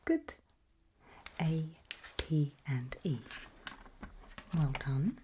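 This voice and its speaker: Playing a calm doctor administering a creepy memory test, a female ASMR performer mixes breathy whispering with soft, low speech in a slow, sing-song way. She sounds gentle, unhurried, patient, encouraging and reassuring, and a slight hiss or hum sits underneath.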